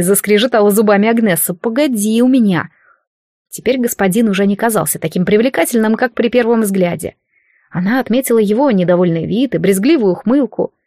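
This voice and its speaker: A woman reads a fantasy romance aloud in a steady, even storytelling manner. Her voice sits at a middling pitch and is recorded dry and close to the mic, with no room sound. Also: dry recording. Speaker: audiobook narrator. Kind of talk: scripted narration.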